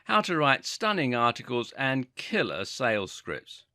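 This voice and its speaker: A man's voice: medium pitch, sing-song, a little slow, sharp tone, dry recording, clean studio sound. A man narrating an online marketing course in a scripted, upbeat and persuasive manner.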